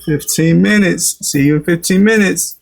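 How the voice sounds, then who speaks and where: A man's voice: fairly high pitch, moderate pace, creaky. A man hosting a casual cooking vlog in a home kitchen, laid-back and calling his viewers y'all. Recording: noisy home recording.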